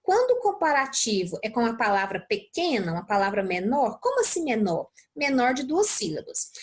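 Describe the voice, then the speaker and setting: A young adult Brazilian woman teaching English, explaining a worksheet step by step and often checking in with her students. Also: a little high. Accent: Brazilian Portuguese. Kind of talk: recorded lesson walkthrough.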